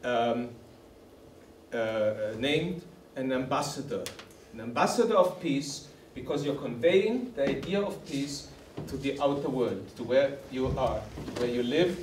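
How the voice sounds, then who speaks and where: A man's voice: mid-range voice, measured pace, darkish tone, a little hiss or hum. A man addressing participants in a formal, encouraging closing speech. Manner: formal, encouraging, repetitive phrasing. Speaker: camp organizer. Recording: roomy hall from a distance.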